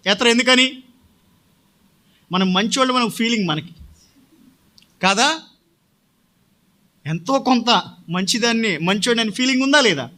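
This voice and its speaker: A man's voice: very high voice, lively intonation, unhurried, pauses often, bright, forceful tone. A male pastor preaching a sermon, often putting questions to the congregation and answering them himself.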